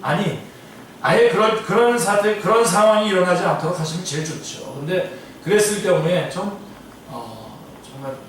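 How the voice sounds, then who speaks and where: A man's voice: high voice, animated, moderate pace, a little hiss or hum. A man teaching an afternoon Bible study as a pastor, speaking in an earnest, exhorting way. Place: church sanctuary. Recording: echoey church hall from a distance.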